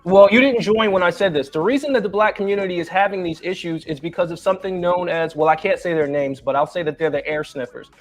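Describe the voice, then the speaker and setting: A man with a high-pitched voice argues through a face mask on a panel. He talks fast and boastfully, with profanity, over faint music. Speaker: panel guest. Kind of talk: heated panel debate.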